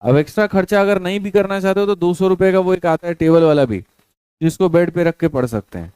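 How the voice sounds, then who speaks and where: A man's voice: sits high, fast, darkish tone, clear, resonant tone, no echo. A man giving colloquial motivational study advice to exam students, repeating his points and calling them brother.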